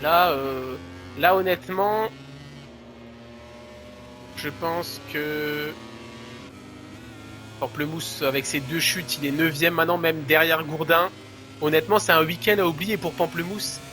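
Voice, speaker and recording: A man's voice: on the high side, a little slow, pauses often, sharp tone, soft background music. A man giving live play-by-play as a motorsport commentator on a motorcycle racing game.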